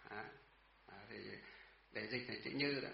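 A man with a medium-pitched, creaky voice speaks in a steady tone, a little slowly. He's a Buddhist teacher giving a class on Chinese characters, patiently repeating words and often asking the class questions. The recording is echoey, distant, and dull.

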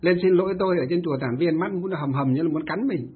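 A male Buddhist monk telling a story in a sermon, getting animated when he stresses a point. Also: fairly high pitch, very fast, husky. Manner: animated storytelling, rising with emphasis. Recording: tinny phone-like radio sound.

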